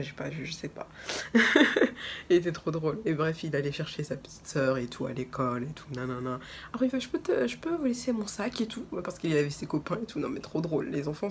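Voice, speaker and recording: A young woman in her twenties talks casually to her viewers, telling everyday stories with frequent laughter. Her voice sits on the low side. A faint hum of background noise runs under the recording. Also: lively intonation, brisk. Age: 20s. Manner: chatty storytelling, laughs often. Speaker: vlogger. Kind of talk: casual chat.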